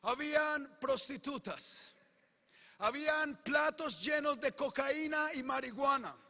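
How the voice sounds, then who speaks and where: High, bright-voiced preacher in a hall. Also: male voice, slow. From Colombia. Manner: impassioned, swinging from hushed storytelling to shouted proclamation. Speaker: pastor. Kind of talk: preaching a personal testimony. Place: church hall. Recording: long reverb of a large church hall.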